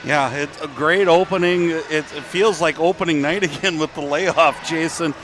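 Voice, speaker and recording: A man doing conversational sports analysis as a color commentator, with halting phrasing. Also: fairly high pitch, background noise.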